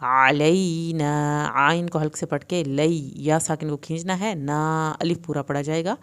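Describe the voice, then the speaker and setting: A woman teaching Quran recitation rules, explaining each sound patiently step by step and reciting verses in long, drawn-out phrases. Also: deep voice, steady tone. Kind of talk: tajweed lesson with slow recitation.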